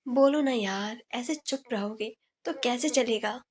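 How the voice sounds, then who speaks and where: A playful young man, read by a woman storyteller coaxing his angry fiancée in a spoken story. He sounds apologetic and soft-spoken, in a slightly husky voice. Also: a little high, measured pace. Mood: pleading.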